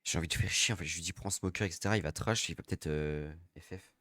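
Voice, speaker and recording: A man's voice: sits low, quick pace, bright, forceful tone, no echo, clean studio sound. A young man streaming a shooter game, grumbling in casual slangy chat to himself and his teammates.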